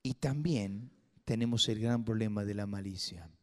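Pastor guy preaching in church, raises up loud then drops way down, reverb hangs in the hall. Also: on the low side, normal speed. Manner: swings from loud emphatic bursts to hushed asides. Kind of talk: sermon.

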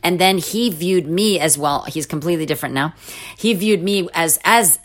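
A middle-aged woman telling a personal story in a casual interview, animated, with restarts and laughing asides. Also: lowish voice, moderate pace. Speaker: interview guest.

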